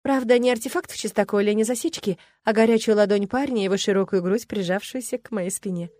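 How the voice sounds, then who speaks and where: A woman narrating a first-person story for an audiobook in an even, measured way. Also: mid-range voice, dry recording, clean studio sound.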